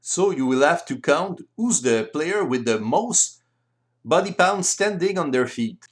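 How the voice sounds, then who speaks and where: Speaking English as a second language with a French accent, a man narrates board game instructions in a careful, measured way. His voice is on the high side, with a lively, animated intonation.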